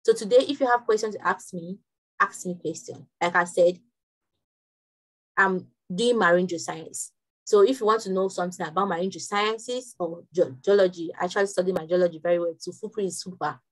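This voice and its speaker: A young woman from Nigeria leading an online workshop class over a video call, talking quickly with frequent restarts. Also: lowish voice, poor audio. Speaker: workshop instructor.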